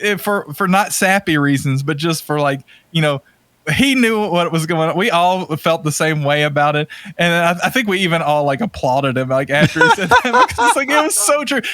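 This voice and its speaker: A man with a slightly high, fairly bright voice, recorded dry, chats casually as a podcast co-host. He tells anecdotes in slangy, emphatic language, exaggerating freely.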